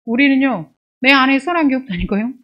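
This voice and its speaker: Preaching expositorily, a woman pastor reads scripture aloud with raised emphasis, then explains it more quietly and conversationally, posing many rhetorical questions. She sounds expressive and a little fast, and the highs are cut off.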